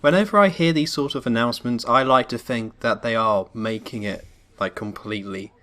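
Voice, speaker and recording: A man's voice: mid-range voice, normal speed, a bit bright. A young man, a little ill, hosting a casual podcast chat in an easygoing manner and laughing along. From Britain. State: slightly ill. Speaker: podcast host.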